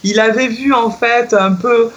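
A middle-aged woman telling a personal anecdote in casual chat, laughing often and acting out the quotes with excitement. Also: fairly high pitch, measured pace, dull audio. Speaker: guest telling a personal story.

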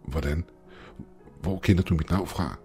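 A man's voice: a bass voice, animated, a little mellow, faint music behind, voice pushed up. A man voicing a frightened young man who pleads in a shaky voice in a horror story. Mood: alarmed.

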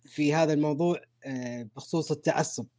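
A man's voice: fairly high pitch, fast talker, a little mellow. A man co-hosting a casual podcast, posing questions with a teasing manner. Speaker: podcast co-host.

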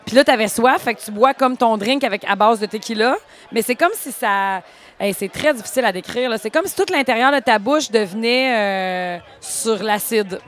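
A woman with a Quebec French accent tells stories in a casual podcast chat, lively and animated. Her voice sits a touch on the high side. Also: moderate pace. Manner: animated storyteller, chatty filler "là". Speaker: podcast co-host.

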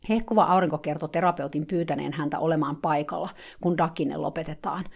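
A woman's voice: low-pitched, gravelly, darkish tone. A woman telling a dramatic first-person diary story in a confiding, casual way.

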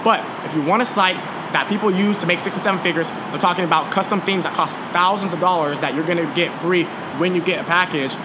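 Fast-talking hyped teenage man. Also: high voice, background noise. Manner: hyped, profane, salesy. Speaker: podcast host. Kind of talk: casual monologue.

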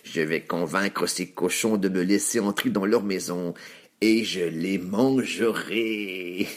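A man growling as the big bad wolf. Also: sits low. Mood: menacing. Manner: slow, drawn-out threats. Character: big bad hungry ill-tempered male wolf.

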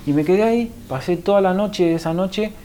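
In a high-pitched, brisk voice with a dark tone, a Rioplatense Spanish-accented guest shares the emotional story of his conversion. He narrates vividly and acts out other people's words to him. The recording is rough, with slight background noise.

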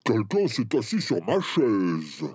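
Man doing a gruff grumbling papa bear. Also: huge pitch swings, slow, darkish tone, no echo, studio quality, full character voice. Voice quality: deep, gruff. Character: big gruff father bear.

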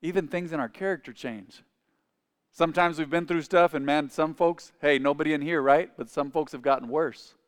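A man's voice: on the high side, normal speed. A man in his forties preaching a sermon as pastor, calling on the congregation to repeat phrases after him. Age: 40s. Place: church sanctuary. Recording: long reverb of a large hall.

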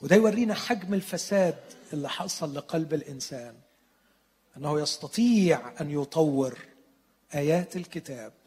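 A pastor with an Egyptian Arabic accent who preaches earnestly and with slow emphasis, sometimes dropping to a whisper. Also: male voice, on the high side, a little mellow, husky. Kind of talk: sermon. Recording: long hall reverb.

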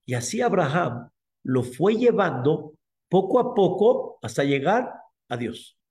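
A male rabbi with a Mexican Spanish accent delivers a sermon in an emphatic, storytelling way. His voice sits a little on the high side, and he drives points home by repeating key words, pausing now and then to clear his throat. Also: big pitch swings, darkish tone.

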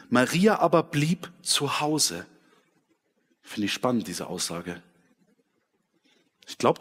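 A man preaching a sermon in a church hall, switching between dramatic scripture reading and quiet personal reflection. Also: mid-range voice, breathy edge. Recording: long hall reverb.

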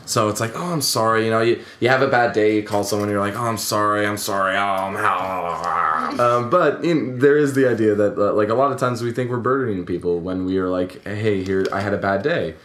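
Low-voiced man speaking reflectively in an echoey room. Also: brisk, hardly any pauses, a bit bright. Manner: reflective, hesitant, many fillers. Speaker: panel guest. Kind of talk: casual panel chat. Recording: roomy echo.

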